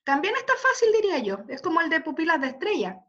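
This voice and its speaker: A woman's voice: very high-pitched, very animated, fast talker, sharp tone. A woman teaching a literature class, patiently walking students through examples and checking in with them. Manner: checks in constantly with tag questions. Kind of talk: online class lecture. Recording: dull lo-fi audio.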